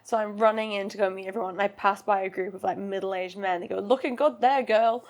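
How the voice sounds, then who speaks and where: A woman, co-hosting a casual chat and telling lively stories. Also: mid-range voice, quick pace. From New Zealand. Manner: animated storyteller, acts out quotes. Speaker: podcast co-host.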